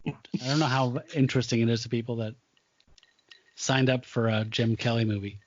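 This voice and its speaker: A man's voice: mid-range voice, fairly even intonation, a little fast, no echo, muffled recording. A man hosting a casual podcast chat about a film, rambling loosely and laughing often. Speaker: podcast host.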